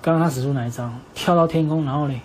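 A man with a Taiwanese Mandarin accent gently improvising a bedtime story for his child and patiently answering questions, recorded on a phone at home. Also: on the high side, racing, a little hiss or hum. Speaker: father telling a bedtime story.

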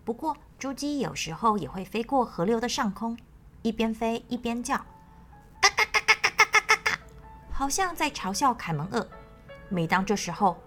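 Lively sing-song woman storyteller. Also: mid-range voice. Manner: sing-song, speaking to children. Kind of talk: children's story narration. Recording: faint background music.

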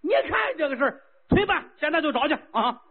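A man's voice: expressive, brisk. A man voicing an impatient, girl-crazy ancient king who pleads and whines eagerly. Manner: eager, whiny, high-pitched pleading. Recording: tinny lo-fi phone-like sound.

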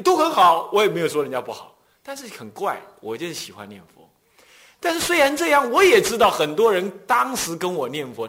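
A middle-aged male Buddhist abbot with a Taiwanese Mandarin accent, giving a dharma talk as animated storytelling. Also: on the high side. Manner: animated storytelling, acts out quoted voices.

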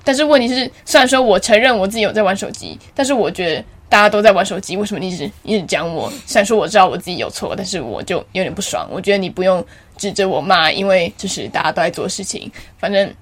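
Lively fast-talking teen girl. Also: mid-range voice. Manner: animated storytelling, laughing often. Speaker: podcast co-host. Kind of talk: casual chat.

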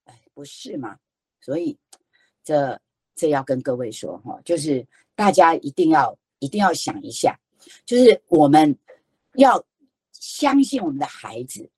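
Husky, animated older Taiwanese woman lecturing. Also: low-pitched, measured pace, pauses often, no room sound. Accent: Taiwanese Mandarin. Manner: animated and folksy, with emphatic rhetorical questions. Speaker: storytelling educator giving a lecture. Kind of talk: lively lecture.

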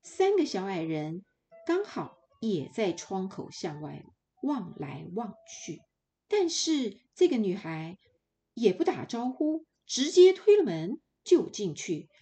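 Woman storyteller for a kids' podcast, slow and mellow, very expressive. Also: medium pitch. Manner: expressive, playful, addressing children. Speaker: children's storyteller. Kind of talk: children's story narration.

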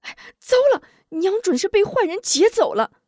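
A woman voicing a hot-headed young male martial artist who speaks in urgent, excitable outbursts. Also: fairly high pitch, normal speed, no echo, studio quality, voice pushed up. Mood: urgent, excited.

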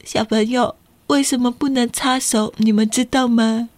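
A woman reading a picture book aloud to children, lively and playful, asking them questions. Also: fairly high pitch, moderate pace, no echo. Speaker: storyteller for children.

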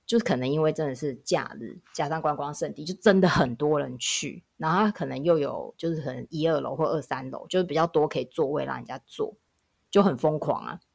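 Woman, public health nurse, low voice with fry, lively emphatic storyteller. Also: brisk. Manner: animated, emphatic anecdote telling. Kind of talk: casual podcast storytelling.

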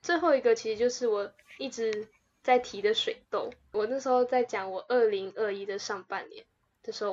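A young woman, co-hosting a podcast and telling personal stories in a chatty, warm way. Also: medium pitch, muffled recording. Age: young adult. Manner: chatty and warm, with frequent laughs. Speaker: podcast co-host. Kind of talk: casual storytelling chat.

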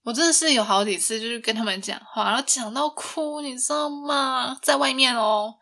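A woman's voice: high voice, moderate pace, bright, forceful tone. A young woman hosting a podcast, telling a personal story in a chatty way, laughing often and asking listeners rhetorical questions. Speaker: podcast host.

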